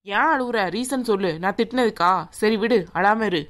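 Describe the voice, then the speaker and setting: A woman voicing a haughty young bride in a cartoon, sharp and sneering as she bosses others around. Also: a little high, normal speed, lightly acted. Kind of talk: cartoon voice acting.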